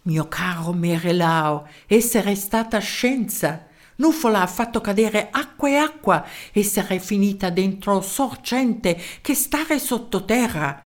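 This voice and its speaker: A woman voicing an eccentric foreign male professor who speaks slow, broken Italian in a storybook. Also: mid-range voice, lively intonation, lightly acted. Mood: didactic.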